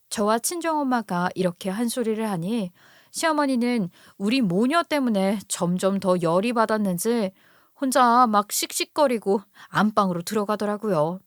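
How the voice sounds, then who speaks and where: A woman narrating a dramatic first-person story in a lively, plaintive storytelling way. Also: on the high side, no echo, studio quality.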